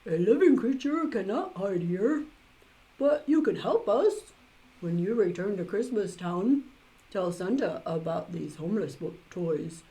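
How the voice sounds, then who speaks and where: A woman's voice: mid-range voice, expressive, unhurried, dark tone, poor audio. A woman voicing a solemn, kindly king of a toy island in a children's storybook. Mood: solemn, caring. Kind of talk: children's storybook read-aloud.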